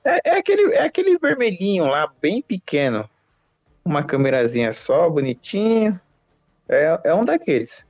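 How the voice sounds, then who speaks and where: A man's voice: on the high side, normal speed, no room sound. Laid-back Brazilian streamer guy. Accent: Brazilian Portuguese. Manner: relaxed slangy talk with many restarts. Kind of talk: casual gaming chat. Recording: dull lo-fi mic with game music.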